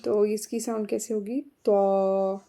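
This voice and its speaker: A woman teaching Arabic letter names in a patient, slow phonics lesson, repeating each letter and mixing in English words. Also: medium pitch, fairly even intonation, gravelly, warm tone. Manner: mixes English words into explanation.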